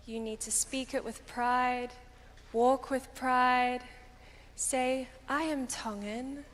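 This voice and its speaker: A young woman giving a deliberate, emphatic pageant answer on stage. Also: high-pitched, fairly even intonation, a bit bright. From Australia. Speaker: pageant contestant. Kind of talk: prepared public answer on stage. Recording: long hall reverb, background noise.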